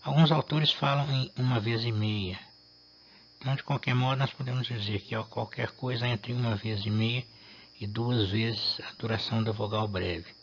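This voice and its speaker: A man, explaining a lesson in a measured way and pausing to rephrase himself. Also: mid-range voice, fairly even intonation, dull audio, slight background noise. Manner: measured, with restarts and fillers. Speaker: Latin teacher.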